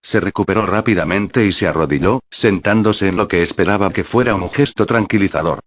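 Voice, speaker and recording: Deep-voiced man reading a story. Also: brisk. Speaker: fan fiction reader. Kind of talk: storybook narration. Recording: dull, dry lo-fi recording.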